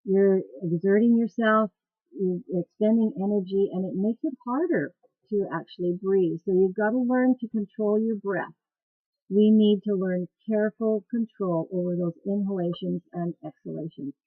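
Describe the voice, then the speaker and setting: A woman's voice: medium pitch, normal speed, slightly rough, no echo. A woman teaching dance cueing instructors how to care for their voices, in a plain, practical teaching tone. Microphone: webcam. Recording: tinny phone-like webcam recording.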